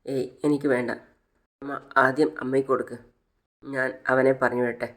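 A man's voice: medium pitch, level tone, normal speed, a bit bright, natural voice. A man playing a remorseful young son pleading with his family in a retold serial. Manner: apologetic, pleading.

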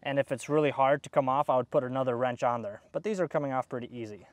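A man's voice: medium pitch, fast talker, dry recording. A young man, an HVAC technician, explaining step by step as he works on an outdoor air conditioner. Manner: explains step by step while working. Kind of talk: hands-on tutorial. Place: outdoors by an AC unit.

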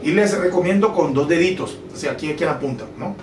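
A man's voice: on the high side, lively intonation, fast, heavy background noise. A man teaching bongo technique, patiently counting beats aloud and correcting himself as he demonstrates. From Colombia. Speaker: bongo instructor. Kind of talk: music lesson with demonstrations. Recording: roomy, mic at a distance, loud drumming. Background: bongo drumming.

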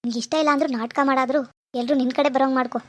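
A conspiratorial, doting cartoon mother voiced by a woman. She talks in a high voice at a rapid clip and coaxes her daughter along. The sound is dry and close-miked. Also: fairly even intonation, fairly bright tone, no room sound. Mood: coaxing. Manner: coaxing, conspiratorial. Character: doting, scheming middle-aged mother. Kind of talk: cartoon voice acting.

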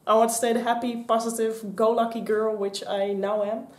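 High-pitched but flat in delivery, a chatty Dutch vlogger in her 20s rambles at normal speed to a camera on a stand, gesturing often. She's in a small, echoey craft room with shelves and mannequins, and there's a little hiss or hum on the recording.

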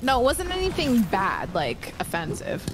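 A woman's voice: mid-range voice, wildly swooping pitch, normal speed, noisy background. A woman on a voice call, teasing and insistent in casual chat. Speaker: guest on voice call.

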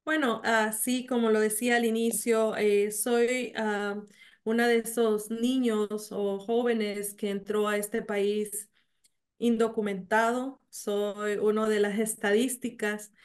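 A woman, telling her story haltingly over a video call, full of fillers and restarts. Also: mid-range voice, flat delivery. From El Salvador. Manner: hesitant, many fillers and restarts. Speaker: mayor, interview guest. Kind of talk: remote interview. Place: small home office.

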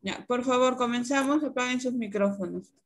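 Patient woman teaching an online class. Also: fairly high pitch. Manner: patient, explains slowly with rhetorical questions. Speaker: primary school teacher. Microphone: video call.

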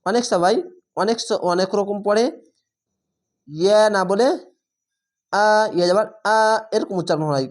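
A Quran reading teacher giving a spelled-out recitation lesson, naming each letter and then chanting the words slowly. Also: medium pitch, darkish tone.

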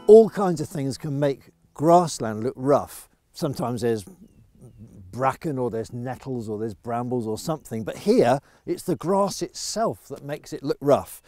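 A middle-aged man from the UK explaining wildlife habitat outdoors in a clear, enthusiastic instructional manner, on a lapel mic. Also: mid-range voice, animated, unhurried, warm tone, no room sound. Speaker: conservation educator. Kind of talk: instructional nature film. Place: outdoors in grass fields.

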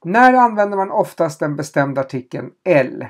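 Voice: mid-range voice, big pitch swings. A language teacher running a question-and-answer lesson, spelling out letters and repeating them patiently, with small hesitations while explaining.

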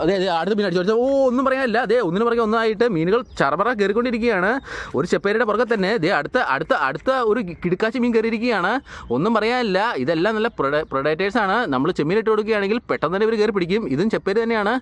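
A man with a Malayali accent giving energetic, hyped commentary on fishing, talking straight to his viewers. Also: sits high, a little hiss or hum. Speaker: fishing vlogger narrating.

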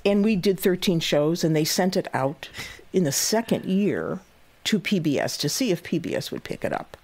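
Lively low-voiced woman in her eighties. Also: normal speed. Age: 80s. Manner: lively, laughing, acts out quoted voices. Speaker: guest, cooking show host. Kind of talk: interview storytelling.

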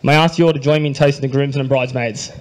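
A young Australian man reading his wedding speech into a handheld microphone at a reception, with dry humor and a quietly emotional delivery. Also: medium pitch, steady tone, very fast, poor audio. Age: young adult. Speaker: groom giving a wedding speech. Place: wedding reception hall, indoors.

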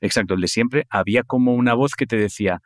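A man with a Spain Spanish accent hosting a podcast, engaged and quick to chime in during casual conversation. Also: mid-range voice, no room sound, studio quality. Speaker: podcast host.

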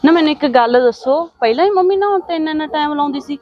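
A woman's voice: sits high, expressive, racing, dull audio, soft background music. An actress playing a young daughter who scolds her mother, in a village comedy drama. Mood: reproachful. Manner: reproachful.

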